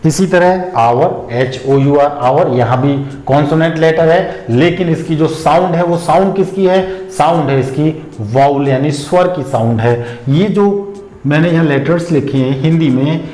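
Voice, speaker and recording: A man teaching English pronunciation, patiently explaining step by step and repeating example words slowly. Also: a little high, warm tone. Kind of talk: explanatory lesson. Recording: echoey room.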